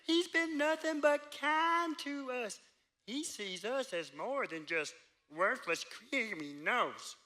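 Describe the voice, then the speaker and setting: A woman in a church drama playing a nervous, soft-hearted male outlaw who stammers in a drawl. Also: on the high side, lively intonation, takes it slowly, heavily acted. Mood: worried.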